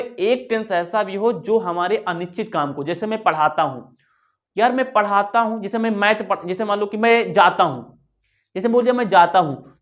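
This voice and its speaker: A man's voice: high voice, muffled recording. A man teaching a lesson in a casual, chatty way, asking his own questions and answering them. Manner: chatty, keeps saying "yaar". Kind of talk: casual classroom explanation.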